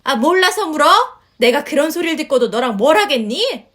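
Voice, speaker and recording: A woman's voice: high voice, animated, a little fast, fairly bright tone. A woman voicing a nagging older mother-in-law who scolds, sighs and complains in a story reading. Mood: huffy. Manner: scolding, sighing, huffy complaints. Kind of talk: storytelling voice acting.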